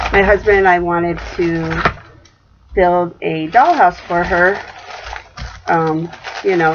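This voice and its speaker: A woman's voice: mid-range voice, dull audio, slight background noise. A middle-aged woman chatting casually as she shows off crafting mail in her craft room, rambling with many fillers. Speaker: craft vlogger. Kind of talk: casual show-and-tell chat. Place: craft room at home, indoors.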